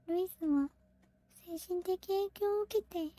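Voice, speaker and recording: A woman giving casual game commentary, musing aloud in short, soft phrases. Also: extremely high pitch, brisk, dry recording. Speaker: game streamer.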